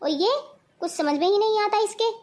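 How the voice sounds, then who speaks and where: A woman's voice: extremely high pitch, moderate pace, darkish tone. A woman voicing a scolding, preachy middle-aged mother in a cartoon. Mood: complaining. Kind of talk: cartoon voice acting.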